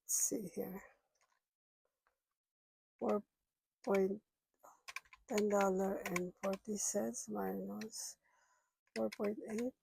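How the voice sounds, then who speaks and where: A woman's voice: medium pitch, little pitch movement, very slow, gravelly, pauses often, dark tone, a little hiss or hum, low-quality recording. A middle-aged woman who is sick, vlogging about her budget and murmuring as she counts cash aloud, half to herself. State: sick, rough voice. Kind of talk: casual counting-along vlog.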